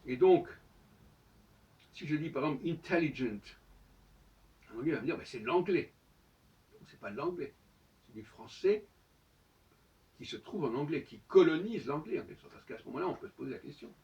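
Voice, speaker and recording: A man's voice: on the high side, animated, brisk, long pauses, dark tone. A man giving a solo spoken monologue as host, lecturing with emphatic rhetorical questions. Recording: distant, dull lo-fi sound.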